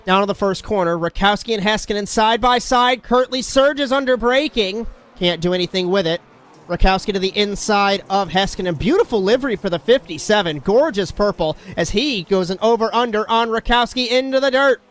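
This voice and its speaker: Man, race commentator, high-pitched, excitable, play-by-play calling. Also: fairly quick. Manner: excitable, shouts at big moments.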